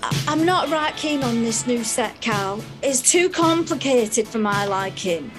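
Woman cast as a bossy gym regular: blunt, high, slow-spoken, lively pitch. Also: over music. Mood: brash. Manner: blunt, brassy and tactless. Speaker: gym class member. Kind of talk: sitcom acting.

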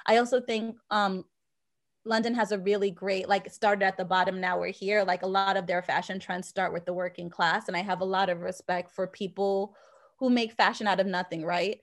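Her voice is medium-pitched, steady and moderately paced: a woman with an American accent guesting on a podcast. Born in Jamaica and raised in Boston, this anthropology professor shares personal anecdotes conversationally and repeats phrases for emphasis.

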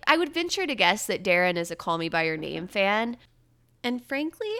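A woman hosting a casual pop-culture chat, gossipy and sarcastic, with lively swoops up in pitch. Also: clean tone. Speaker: podcast host.

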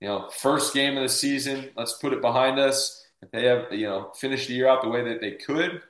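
A man's voice: medium pitch, brisk, fairly bright tone. A man giving casual sports analysis as a panelist, posing questions and answering them himself. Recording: echoey room sound.

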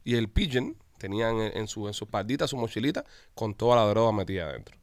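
A man hosting a podcast in casual group chat, telling stories in an animated, profane way. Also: lowish voice, fast talker, no echo. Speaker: podcast host.

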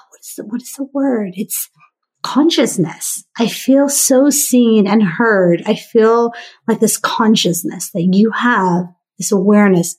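A woman's voice: mid-range voice, darkish tone, husky. A woman guest on a podcast interview, speaking in a heartfelt, affirming, casual way.

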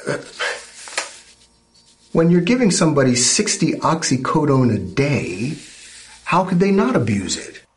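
A man's voice: medium pitch, very animated, a little slow, pauses often. A man interviewing for an investigative news exposé, with pointed, pressing questions.

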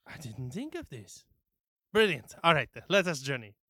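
Man doing a jittery, high-voiced shopkeeper. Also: fairly quick, dry recording, studio quality, close to an everyday voice. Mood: flustered. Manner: stammering, hesitant.

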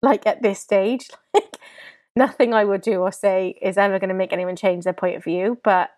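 Tearful woman, halting speech. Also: medium pitch, steady tone, darkish tone, no echo. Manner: halting, many restarts and fillers, tearful at times. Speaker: guest. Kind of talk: candid emotional interview.

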